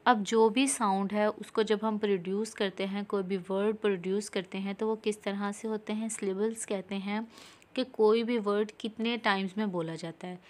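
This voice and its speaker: A woman's voice: mid-range voice, fairly even intonation, a little mellow. Pakistani woman teaching exam answers. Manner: reads English slowly, explains in Hindi-Urdu with English terms. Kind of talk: exam-prep lesson explaining answers.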